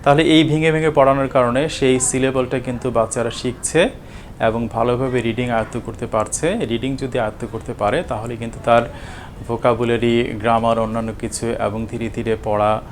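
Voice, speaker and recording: Male teacher, mid-pitched, hesitant lecturing, faint background noise. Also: flat delivery. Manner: halting, many fillers and restarts. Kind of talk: explanatory lecture.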